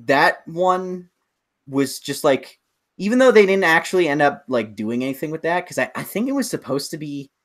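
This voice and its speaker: A podcast co-host with a slightly high, lively voice chats casually about films and games at a moderate pace. He explains things in a rambling, enthusiastic way.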